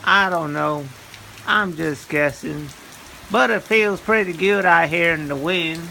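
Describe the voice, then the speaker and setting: Folksy man vlogger, gravelly and slow, recorded outside in rain and wind. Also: fairly high pitch, sharp tone. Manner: folksy, easygoing. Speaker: amateur storm vlogger. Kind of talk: casual video update. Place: outdoors in a storm. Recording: outdoors in noisy rain and wind.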